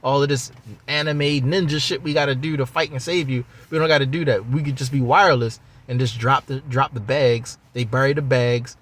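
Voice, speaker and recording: A man's voice: medium pitch, steady tone, brisk, fairly bright tone. A man talking in a loose, rambling monologue about spiritual ideas, casual and profane, with lots of fillers.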